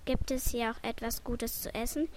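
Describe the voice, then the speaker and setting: A woman's voice: on the high side, steady tone, darkish tone, slight background noise, lightly acted. A woman reading as a puzzled mother. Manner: slow, plain read-aloud delivery. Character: patient, puzzled mother of two.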